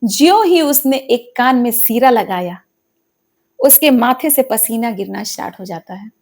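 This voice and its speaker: A woman's voice: fairly high pitch, lively intonation, a little slow, a little mellow. A woman narrating a devotional folk story in an earnest, dramatic way.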